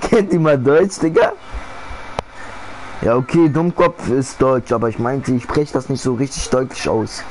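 A man's voice: medium pitch, unhurried, darkish tone. Young man, noisy audio. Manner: blunt, exclamatory street slang. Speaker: gamer live-streaming. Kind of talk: casual slangy gaming chat. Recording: noisy game-stream headset audio.

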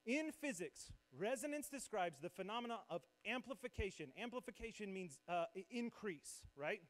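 High-voiced man preaching on a church stage. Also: animated, moderate pace. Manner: conversational, self-deprecating, explains with asides. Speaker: worship pastor. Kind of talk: sermon. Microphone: handheld or stage microphone.

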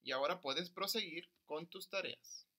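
A man teaching an English lesson to young children in Spanish, drilling pronunciation by slowly repeating words and stressing syllables. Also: fairly high pitch, bright, forceful tone. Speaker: primary school English teacher.

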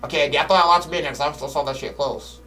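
A man's voice: fairly even intonation, quick pace, distant mic, faint music behind. A man giving casual, slangy, profane commentary as he plays a horror game, griping bluntly at it. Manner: swings between muttering and loud high-pitched exclamations. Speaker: game streamer playing a horror game.

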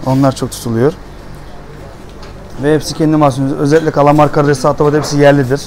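A man's voice: a little high, flat delivery, fast talker, darkish tone. A man in his thirties, a restaurant owner, plainly describing his menu, recorded on a phone at an outdoor seaside restaurant. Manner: plain, matter-of-fact. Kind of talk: casual interview. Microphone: vlogger's phone.

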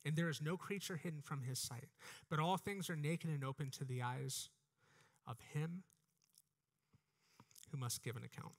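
With a voice on the high side, a moderate pace, vocal fry and long pauses, an American preacher in his thirties exhorts earnestly into a headset mic. He stands on an indoor church stage and frequently repeats phrases.

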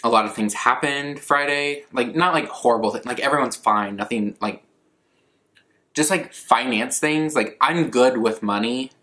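Bright-voiced young man chatting casually. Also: medium pitch, moderate pace. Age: 20s. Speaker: vlogger answering viewer questions. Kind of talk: casual rambling chat to camera. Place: living room at a coffee table, indoors.

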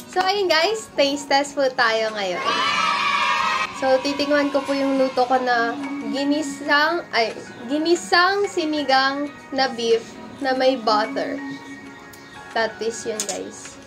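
At a table in a dark indoor room, a young adult cooking vlogger chats to the camera, polite and playful with frequent giggles. Her voice sits high and slow, with long pauses. Music and crowd noise run in the background of this low-quality recording.

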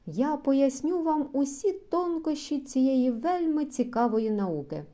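A woman reading aloud as a pedantic philosophy teacher who lectures slowly and explains every detail. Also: high voice, lively intonation, mellow, pitched above the performer's own voice. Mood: explaining. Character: pedantic middle-aged male philosophy teacher.

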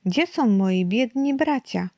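A tearful bespectacled schoolboy whines and threatens to tell his parents, pitched a little higher and drawn out slowly, as a woman reads him in a storybook. The tone stays soft and mellow. The sound is close and dry. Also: animated, no room sound, full character voice. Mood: whining.

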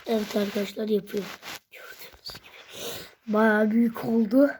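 A woman's voice: a little high, fairly even intonation, normal speed, darkish tone, breathy edge. A young woman talking casually to her viewers while building a tower, pleading with it and often dropping to a whisper. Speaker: vlogger.

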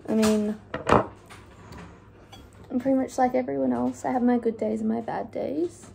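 A woman's voice: a little high, steady tone, normal speed, gravelly, mellow, a little hiss or hum. A young woman chatting casually while cooking in her home kitchen, with lots of fillers. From Australia. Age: young adult. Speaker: vlogger. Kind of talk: casual cook-along chat. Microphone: phone camera on the counter.

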